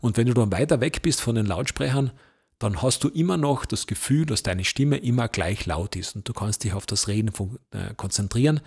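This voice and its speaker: A man teaching voice technique as an event host, in an emphatic way, slowing down to stress key points. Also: mid-range voice, gravelly, darkish tone, husky. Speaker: event host and speaking coach. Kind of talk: instructional talk on voice technique.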